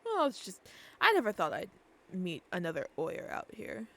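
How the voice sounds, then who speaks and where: Creaky-voiced woman in lively role-play. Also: mid-range voice, normal speed. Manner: hesitant, searches for words, restarts. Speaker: streamer playing a shopkeeper character. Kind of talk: in-character game role-play.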